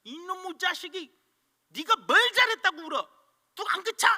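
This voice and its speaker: Brief: pastor doing a hot-tempered young father, yelling high and sharp, with a long hall echo behind him. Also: lively intonation, moderate pace, heavily acted. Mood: scolding. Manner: shouting, scolding harshly. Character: angry young father scolding his son. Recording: long church hall reverb.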